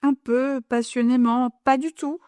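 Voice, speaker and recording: A woman's voice: on the high side, normal speed, mellow, no room sound, natural voice. A woman voicing a naive, superstitious young girl in an audiobook, with a teasing and earnest manner. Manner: teasing then earnestly fearful. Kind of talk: audiobook character voice.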